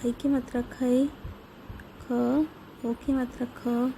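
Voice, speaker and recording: A woman's voice: fairly high pitch, level tone, slow, dark tone, slight background noise, rough recording. A woman teacher giving a lesson to young pupils, patiently repeating words and sounds for them. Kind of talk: online class lesson for children.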